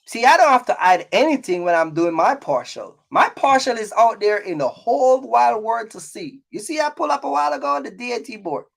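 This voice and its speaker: This vlogger, a middle-aged man who owns a trucking business and makes content, has a very high, creaky, expressive voice and speaks briskly with few pauses. He addresses viewers casually and emphatically, repeating points and often making sure they're keeping up.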